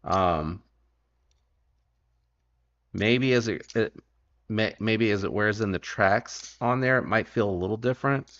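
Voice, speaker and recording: A man's voice: lowish voice, measured pace, pauses often, a bit bright. Easygoing man on a dull livestream. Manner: rambling, self-correcting and easygoing. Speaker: knife channel host. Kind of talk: casual livestream chat. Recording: dull lo-fi stream audio.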